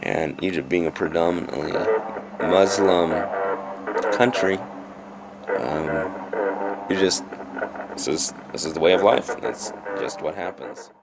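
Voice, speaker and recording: A man from the United States casually narrating a school trip video, halting with many fillers and restarts. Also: deep voice, loud music behind the voice, low-quality recording.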